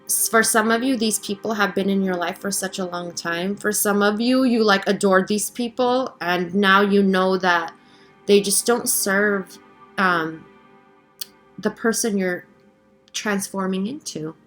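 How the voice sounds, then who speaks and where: A woman speaks slowly as a spiritual card reader, halting and reflective as she guides her listeners. Her delivery is casual and reassuring, with frequent little check-ins, and faint-to-clear music plays behind her voice. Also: medium pitch, fairly bright tone. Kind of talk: casual spiritual channeling monologue with card reading.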